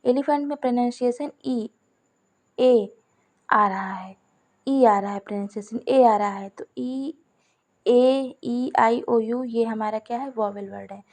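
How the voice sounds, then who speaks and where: A woman teaching a grammar lesson with a slightly high voice. She goes step by step, repeats her examples and poses questions only to answer them herself. She speaks warmly to her viewers as friends. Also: a little slow. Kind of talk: Hindi-language grammar lesson.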